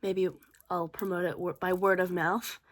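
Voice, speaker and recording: A woman's voice: fairly low pitch, level tone, normal speed. A young woman from Australia with a mix of Australian and American accent, a bit congested, chatting casually to camera in a rambling way full of "like" fillers. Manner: rambling, many "like" fillers, drops into whispers. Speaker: vlogger.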